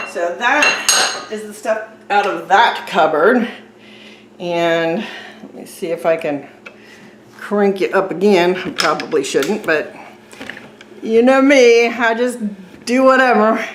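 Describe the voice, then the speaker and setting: A middle-aged woman chatting casually in a rambling way as she declutters her home kitchen, filmed on a tripod camera. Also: mid-range voice. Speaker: vlogger. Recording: echoey room with faint noise.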